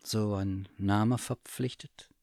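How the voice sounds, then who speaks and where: A man's voice: on the low side, fairly even intonation, slow, a little mellow, dry recording, clean studio sound. A man voicing a proud, lonely wandering she-cat in a storybook reading, dignified and a bit lofty.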